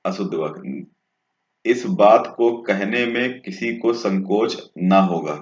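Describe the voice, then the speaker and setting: Taking his time, a man with a lowish, animated voice walks through exam questions as a tutor. He goes step by step and frequently checks in with a brief "okay," in a room that sounds dull and echoey.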